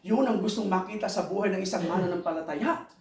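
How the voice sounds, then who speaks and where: A man preaching a sermon, emphatic, keeps asking the congregation "right?" and bursts into high shouts. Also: fast talker. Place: church hall. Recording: echoey hall, voice far from the mic.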